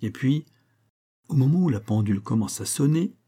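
A man's voice: medium pitch, animated, normal speed, dark tone, lightly acted. A man voicing a gleeful young society wife, gossipy and full of amusement. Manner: gossipy, breathless with amusement when retelling.

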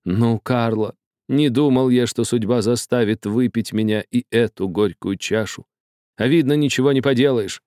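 A man voicing a frightened, trembling old male doctor who talks in a shrill, agitated and pleading way. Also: normal speed, mellow, no echo, studio quality, lightly acted. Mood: grave.

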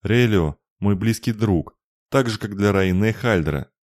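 Мужчина изображает отчаянную молящую девушку. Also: male voice, lowish voice, measured pace, a little mellow, close to an everyday voice. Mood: desperate. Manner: pleading, tearful. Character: young woman, desperate and pleading. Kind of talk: audiobook narration.

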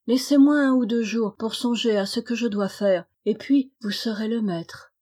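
A woman reading aloud voices a gentle young princess who speaks politely and meekly. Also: fairly high pitch, moderate pace, lightly acted. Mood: pleading.

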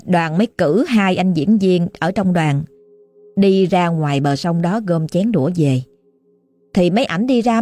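A woman's voice: fairly low pitch, dark tone, dry recording. A woman with a Southern Vietnamese accent telling a ghost story in a chatty, casual way, often speaking straight to her listeners. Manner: chatty, addresses listeners directly.

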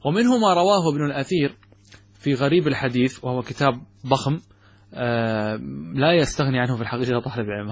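A man teaching Arabic grammar from a classical text, with a Gulf Arabic accent, asking and answering his own questions and saying example words slowly with stress. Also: mid-range voice, slightly rough. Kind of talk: explaining a grammar text in a lesson.

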